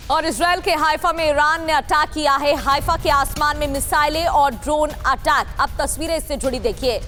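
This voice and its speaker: A woman newsreader delivering scripted headlines in a crisp bulletin manner. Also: sits high, normal speed, fairly bright tone, faint music behind. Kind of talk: scripted news reading.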